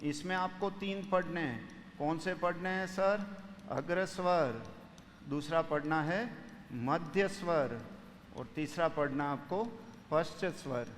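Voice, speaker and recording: A man's voice: a little high, takes it slowly, big-room sound, slight background noise. A man teaching grammar for an exam, explaining step by step and putting students' questions to himself. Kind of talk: exam-prep lecture solving questions.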